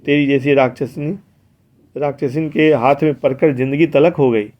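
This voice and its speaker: A man's voice: medium pitch, fairly even intonation, normal speed, lightly acted. A man voicing a quarrelsome, hot-headed young village man who hurls insults, read in a dull lo-fi audiobook recording. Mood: angry. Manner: shouting, insulting.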